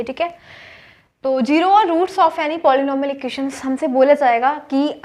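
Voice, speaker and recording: A high-pitched young woman walking through a math lesson one step at a time. She keeps checking in with her students and slips English math terms into her sentences. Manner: explains step by step, repeats checks with "ठीक है", mixes English terms into Hindi. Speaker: maths teacher.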